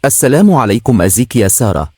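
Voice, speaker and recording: A man's voice: mid-range voice, very animated, fast talker, a little mellow, husky, dry recording, clean studio sound. A man reading a story aloud, voicing an anxious young woman with an Egyptian accent who delivers urgent news in a breathless way. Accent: Egyptian Arabic.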